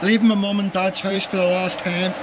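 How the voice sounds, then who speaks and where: Loud music covers this very noisy clip of a Northern Irish man with a high, level voice speaking briskly. He's a travel vlogger chatting casually in a rambling way, letting thoughts trail off and changing direction partway through.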